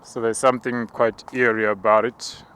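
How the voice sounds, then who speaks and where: A man preacher walking outdoors and narrating spiritual visions in a hushed, halting, contemplative way. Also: medium pitch, flat delivery, slight background noise. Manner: slow, hushed, halting and contemplative, with tongues-like words. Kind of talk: spoken prayer walk, narrated visions.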